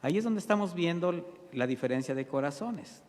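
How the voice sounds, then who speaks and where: Male pastor, sermon delivery, rhetorical questions, slightly high voice, long hall reverb. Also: lively intonation, brisk, darkish tone. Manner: preaching with rhetorical questions and answers; addresses congregation as brothers. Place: church hall.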